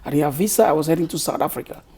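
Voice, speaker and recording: This middle-aged man from Cameroon, appearing as an author guest, speaks with a Cameroonian accent and responds to questions with slow deliberation, frequently hunting for the right word. His voice is fairly high, darkish in tone, and slightly rough.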